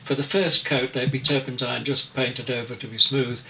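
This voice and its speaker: An elderly artist in his eighties gives reflective interview answers, pausing often and choosing each word with care. His voice is bright, and he sits back from the microphone. A faint hiss runs underneath. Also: mid-range voice, fairly even intonation. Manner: slow, deliberate, searching for words. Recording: distant mic with faint noise.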